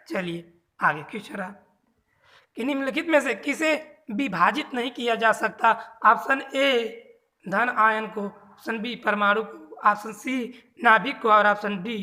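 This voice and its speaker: Male quiz teacher, high and bright voice, repeats every question and answer. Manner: repeats each question and answer, coaxes listeners as dear friends. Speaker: exam-prep quiz teacher. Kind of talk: reading out multiple-choice quiz questions.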